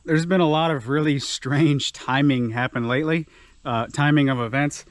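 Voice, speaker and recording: Slightly out of breath, a man vlogs to camera while working his land in a wooded clearing, chatty and self-deprecating as he thinks aloud. His voice sits a little high with a steady tone, at normal speed, and there's no echo.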